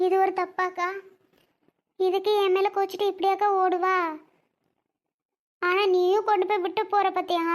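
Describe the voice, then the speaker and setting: A woman playing a tearful, hurt sister-in-law in a family drama skit, pleading and asking the same questions over and over. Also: very high-pitched. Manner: pleading, repetitive complaining questions.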